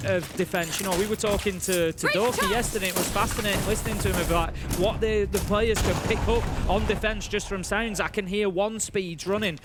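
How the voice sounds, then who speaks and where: A man's voice: high voice, very noisy. A man giving live play-by-play esports commentary. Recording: loud game gunfire behind. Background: game gunfire.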